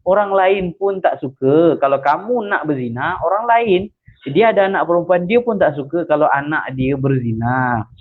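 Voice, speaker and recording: A man with a Malaysian accent voicing a calm male teacher who questions a youth patiently and gently. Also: a little high, moderate pace. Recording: tinny phone-like audio.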